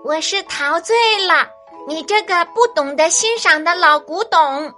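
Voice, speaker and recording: Tiny indignant butterfly, piping thin voice, sharp, pouting, children's story. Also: female voice, unhurried, faint music behind, full character voice. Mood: huffy. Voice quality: thin, high. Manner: huffy, pouting.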